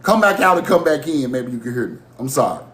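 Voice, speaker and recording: Fast and mid-range in pitch, this Mississippi man hosts a livestream, swearing and laughing his way through an animated, heated rant. His voice echoes around the room.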